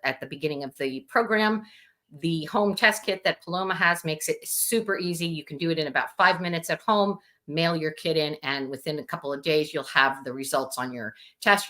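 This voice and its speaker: A woman's voice: sits low, bright, forceful tone. A middle-aged woman answering viewer questions in a live Q&A, explaining things step by step with frequent ums and uhs.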